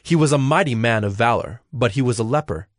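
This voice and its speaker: A man narrating scripture in a measured, even reading voice. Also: medium pitch, no echo, studio quality. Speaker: scripture reader.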